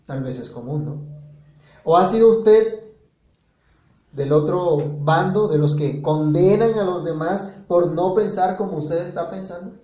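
A man's voice: high voice, measured pace, mellow, reverberant, low-quality recording. A man preaching a sermon, reading verses aloud and putting questions to his listeners.

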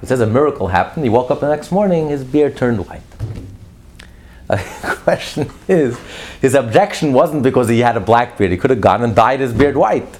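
A man preaching a sermon as a rabbi, emphatic, swinging between loud declarations and hushed asides. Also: medium pitch, lively intonation, moderate pace.

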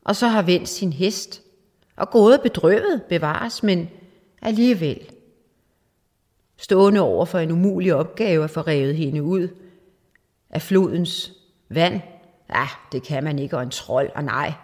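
A woman retelling an old ballad in an informal, lively way, with dramatic asides and humor. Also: lowish voice, pauses often. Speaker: speaker explaining a folk ballad. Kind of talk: informal storytelling lecture. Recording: long hall reverb.

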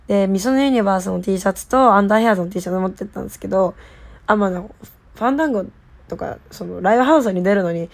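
Very creaky, nasal young-sounding idol woman chatting. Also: on the low side. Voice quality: nasal from a cold. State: slightly stuffy nose. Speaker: idol group member hosting her solo talk show. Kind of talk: casual solo chat to listeners.

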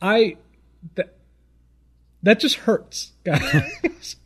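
A man's voice: high voice, huge pitch swings, very slow, fairly bright tone, slight background noise. A man co-hosting a podcast in casual banter, reading aloud and ranting with mock exasperation. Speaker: podcast co-host.

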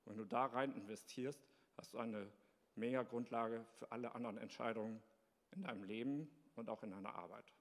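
A man's voice: medium pitch, brisk, noisy background. A man giving an earnest, encouraging devotional talk. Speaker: speaker of a short devotional talk. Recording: long reverb in a hall.

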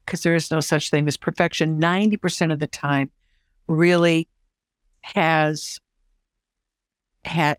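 A woman in her sixties, a social worker and counselor, talking as an interview guest in an enthusiastic, expressive way. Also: deep voice, no room sound, clean studio sound. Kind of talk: casual conversation.

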